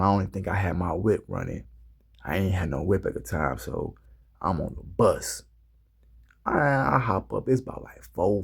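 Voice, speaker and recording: Laid-back gravelly-voiced man telling a story. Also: sits low. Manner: laid-back slangy storytelling, addresses viewers as fellas. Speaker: fitness vlogger. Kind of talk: casual storytelling to camera.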